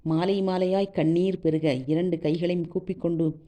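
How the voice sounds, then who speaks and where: Storyteller, female; low pitch, warm tone, steady expressive novel reading. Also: moderate pace. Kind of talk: reading a serialized novel aloud.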